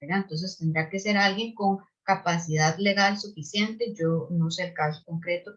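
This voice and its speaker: A woman's voice: on the low side, normal speed. A woman presenting an online webinar and answering audience questions, explaining step by step with frequent tag questions and restarts. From Costa Rica. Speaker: webinar presenter on public procurement. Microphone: video call microphone. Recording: slightly dull video call audio.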